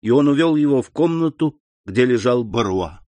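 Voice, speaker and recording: Male narrator for a classic novel, even steady storytelling, mid-pitched. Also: moderate pace, no room sound. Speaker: audiobook narrator.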